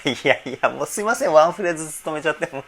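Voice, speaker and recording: A man's voice: on the high side, very fast, gravelly, a bit bright. A man working as a vocal trainer, giving effusive reaction commentary on a song. He breaks into exclamations between short analytic remarks. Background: faint song playing.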